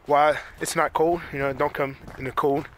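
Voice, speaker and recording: A man's voice: on the high side, little pitch movement, normal speed, slight background noise. A man with a Pittsburgh accent vlogging casually on a park hike, out of breath and rambling with lots of "like" and "you know". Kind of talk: casual walking vlog.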